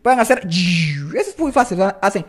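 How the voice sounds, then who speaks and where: Voz juguetona que enseña beatbox, muy expresiva. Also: female voice, mid-range voice, very animated, a little fast, husky. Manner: playful, jokey, demonstrates vocal sounds. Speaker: beatbox teacher. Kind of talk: casual spoken tutorial.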